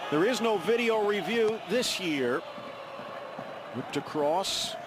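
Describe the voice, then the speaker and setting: A man's voice: sits high, expressive, takes it slowly. A man doing live play-by-play commentary on a football match. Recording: loud stadium noise behind. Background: football stadium crowd.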